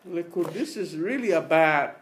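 A man's voice: fairly high pitch, moderate pace. A man with a Chamorro accent talking casually and emphatically as a podcast guest, often repeating his words. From Mariana Islands. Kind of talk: casual conversation mixing English and Chamorro. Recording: steady background ambient noise.

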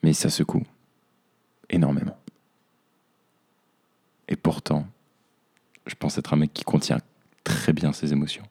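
A man's voice: very deep voice, flat delivery, unhurried, pauses often, mellow, breathy edge. A young man hosting a podcast, speaking in a reflective personal monologue and talking to himself as "tu". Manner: introspective, addresses himself as "tu". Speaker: podcast host.

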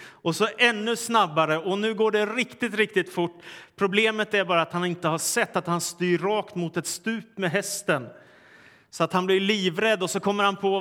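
A man's voice: a little high, long reverb tail. A man preaching a sermon, telling a humorous story and then reading scripture aloud. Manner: storytelling, animated in punchlines. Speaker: pastor.

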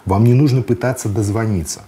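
A male guest in a casual interview shares what he learned traveling, explaining practical advice matter-of-factly amid frequent hesitation sounds. He talks fairly quickly in a mellow, fairly low voice.

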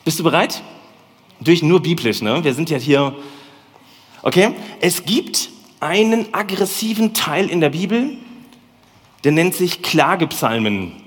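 A man preaching a lively, colloquial sermon in a church hall, speaking directly to the congregation. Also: fairly high pitch, unhurried, pauses often, slightly rough. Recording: long hall reverb.

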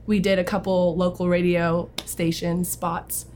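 A young woman from New Orleans chats as a guest on an interview show. She sounds friendly and a little giggly, sometimes pausing to find her words. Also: lowish voice, level tone, a little mellow, slight background noise. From New Orleans, United States. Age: young adult. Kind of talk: casual interview chat.

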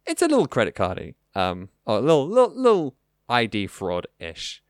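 A male podcast host talking casually, rambling enthusiastically and piling up fillers. His smooth voice swings up and down in pitch. The sound is close and dry. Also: huge pitch swings, moderate pace, no room sound. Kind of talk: casual chat.

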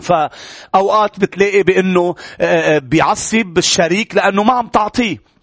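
A male pastor with a Lebanese Arabic accent preaches in a high, bright voice. He talks in earnest and presses his points through repeated phrases. The sound is close and dry, with no room echo. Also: fairly quick. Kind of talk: sermon.

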